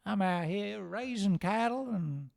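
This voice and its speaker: A man's voice: high voice, lively intonation, measured pace, creaky, darkish tone, pitched above the performer's own voice, heavily acted. Guy doing a hammy texan cowboy voice, drawly, folksy, bragging. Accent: put-on Texan drawl.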